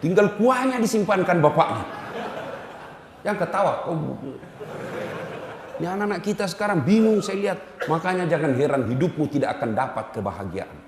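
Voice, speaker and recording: An animated male preacher teases and addresses his audience directly during a humorous sermon. His voice sits high. It rings out in a large hall with long reverb. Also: fairly quick, background noise. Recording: echoey hall.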